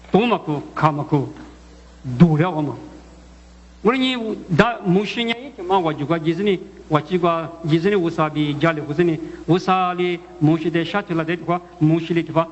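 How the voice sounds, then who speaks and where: A man preaching a sermon, talking haltingly, repeating words and putting questions to the listeners. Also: sits high. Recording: muffled audio with long hall echo.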